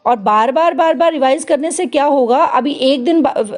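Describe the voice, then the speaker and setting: A woman teaching how to learn verses, explaining step by step and slowly repeating words. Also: high-pitched, soft background music. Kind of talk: instructional talk.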